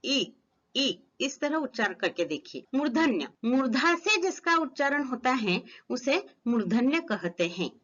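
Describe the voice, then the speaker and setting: A woman teaching an online grammar lesson, speaking slowly and sounding out each vowel as an example. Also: sits high, very animated, fairly bright tone. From Maharashtra, India. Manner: slow, deliberate, models each vowel sound aloud. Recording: slightly dull lo-fi recording.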